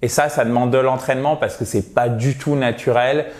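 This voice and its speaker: A man's voice: mid-range voice, fairly even intonation, fairly quick, a little mellow. A French-speaking man teaching an online English lesson, explaining patiently and checking in with his listeners.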